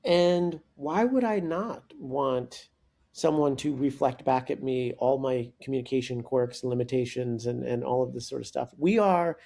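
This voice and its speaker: Gravelly man telling a lively story. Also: medium pitch, moderate pace. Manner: animated, restarts sentences often. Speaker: guest, startup coach and author. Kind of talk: conversational podcast storytelling.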